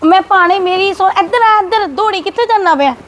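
A woman plays a feisty married elder sister in a family short-film scene, her high, sharp voice scolding and defying her younger brother. She talks back hard, complaining and taunting, a little fast, with slight background noise.

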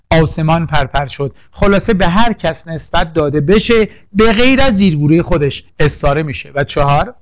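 An Iranian literature teacher with a slightly high voice runs a poetry lesson for exam prep, drilling lists and quizzing the class with questions. The recording is dry.

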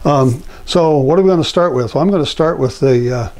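An older man giving a relaxed, rambling painting demonstration at his easel, with many fillers, recorded on a lapel mic in a home studio. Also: fairly high pitch, brisk. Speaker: painting instructor.

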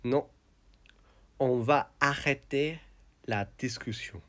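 A man who vlogs to teach a language, talking slowly and simply for beginners in a deliberate, tired, deadpan way. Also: mid-range voice. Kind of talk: slow, simple speech for beginners.

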